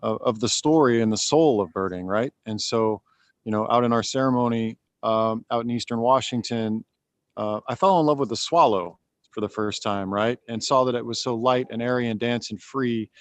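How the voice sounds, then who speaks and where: A man speaking earnestly outdoors with a halting manner and many fillers. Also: medium pitch, no room sound. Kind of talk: heartfelt casual speech.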